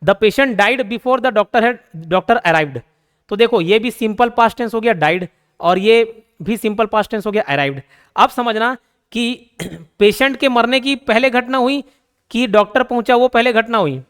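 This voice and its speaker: A young man with a Hindi accent teaching grammar, explaining patiently, repeating key points and reading English example sentences slowly. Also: extremely high pitch, a bit bright, smooth. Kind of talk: grammar lesson.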